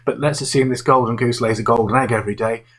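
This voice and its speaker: A man explains an investment strategy with a simple example. His voice is husky and sits at a middle pitch. He talks in a halting way, with frequent fillers and restarts, like someone thinking aloud to clients. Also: steady tone, fairly bright tone, rough recording. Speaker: investment manager presenting to clients.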